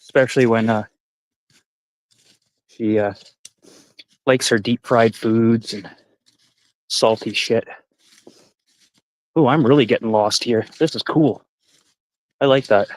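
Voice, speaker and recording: A man's voice: mid-range voice, takes it slowly, long pauses, rough recording. A Canadian man in his forties rambling casually and profanely on a live stream while hiking a forest trail. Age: 40s.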